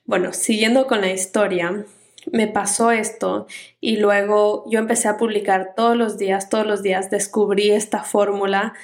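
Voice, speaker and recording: Calm, unhurried woman giving advice. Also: medium pitch. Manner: calm and unhurried, sometimes soft; mixes in English words. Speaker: content creator. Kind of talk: casual advice monologue.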